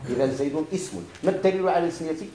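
Fast-talking Moroccan teacher in echoey room. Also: male voice, a little high, dark tone, a little hiss or hum. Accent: Moroccan Arabic. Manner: asks the class questions and answers them himself. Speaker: grammar teacher. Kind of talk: classroom lesson.

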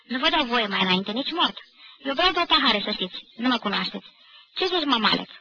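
A woman voicing a burly, boastful male student who talks in a loud, chummy, overfamiliar way, on an old archive recording. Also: very high voice, very animated, husky, muffled recording, full character voice. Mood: brash swagger.

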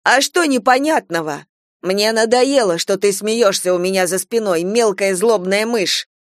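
A woman voicing a shrill furious young woman. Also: slow, no room sound, studio quality, lightly acted. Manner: shrill shouting in anger. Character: touchy young woman, quick to fury.

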